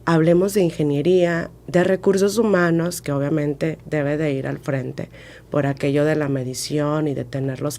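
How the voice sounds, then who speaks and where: A woman's voice: deep voice, mellow. A woman consultant as a podcast guest, explaining in a methodical way and going through steps one by one.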